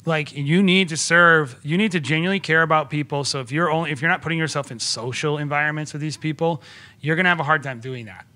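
Bright-voiced excitable man talking shop. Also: fairly high pitch, quick pace. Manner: enthusiastic, rambling with many restarts. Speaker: podcast guest, wedding filmmaker. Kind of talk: casual podcast conversation.

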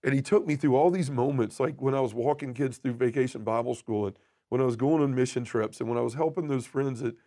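A man telling his personal testimony as a podcast guest, earnest and emotional, often dropping to a soft, quiet voice. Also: medium pitch, fast talker.

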